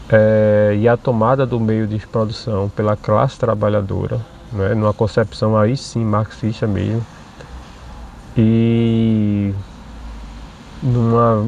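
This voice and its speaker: A man, hosting his own channel and explaining ideas in a measured monologue, often checking in with tag questions. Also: fairly low pitch, vocal fry, a little mellow, a little hiss or hum. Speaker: channel host.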